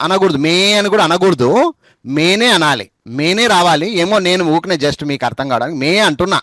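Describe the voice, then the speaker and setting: A man teaches English, spelling each word letter by letter and saying it again and again. His voice sits high for a man. The sound is dry and close. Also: a bit bright, no room sound. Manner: patient and repetitive, spells words letter by letter. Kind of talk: spoken English lesson over a group call.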